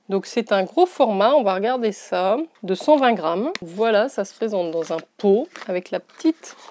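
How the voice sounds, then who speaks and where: A woman's voice: medium pitch, mellow, dry recording. A woman beauty vlogger chatting casually while unboxing, rambling with frequent hesitations.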